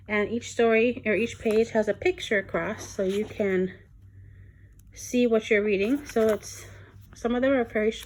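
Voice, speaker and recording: A young woman giving a casual review of a reading program, talking quickly and excitedly with frequent ums. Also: mid-range voice. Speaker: homeschool curriculum reviewer.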